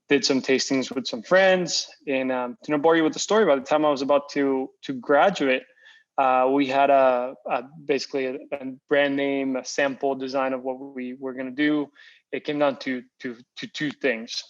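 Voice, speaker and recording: A young man from Costa Rica, the guest, telling his story in a relaxed interview with many fillers and repeated words. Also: medium pitch. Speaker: founder and guest. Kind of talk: casual interview. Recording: slightly dull lo-fi audio.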